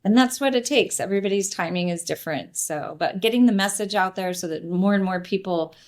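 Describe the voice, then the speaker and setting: A woman's voice: medium pitch, a little fast, darkish tone. A woman in her fifties hosting a podcast, encouraging and steering the conversation. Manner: encouraging, wraps up and steers the talk. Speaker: podcast host. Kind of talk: casual podcast interview.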